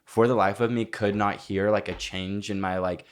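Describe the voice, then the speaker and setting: A young man from Texas co-hosts a podcast in easy casual chat. His voice sits on the low side, and he lobs sarcastic jokes between quick asides. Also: steady tone. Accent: Texan. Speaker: podcast co-host.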